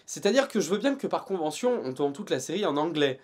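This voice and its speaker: Lively, high-voiced sarcastic male reviewer. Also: fast talker. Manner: sarcastic and joking, then earnest critique. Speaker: TV series reviewer. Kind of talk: casual video review.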